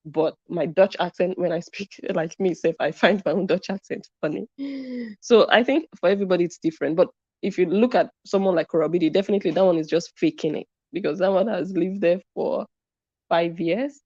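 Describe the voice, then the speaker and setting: With a lowish, dark-toned voice and a brisk pace, a woman hosts a live commentary stream, reading viewer comments and hammering her points by repeating them. No room sound is audible, and the audio comes across as dull lo-fi.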